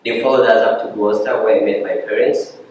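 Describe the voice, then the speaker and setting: A man's voice: on the low side, fairly even intonation, quick pace, darkish tone, a little hiss or hum. A man from Africa with an African accent gives a personal testimony in a church, telling his story with laughter. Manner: storytelling with laughter, acting out dialogue. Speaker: guest speaker sharing his story. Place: church hall. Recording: echoey church hall from far off.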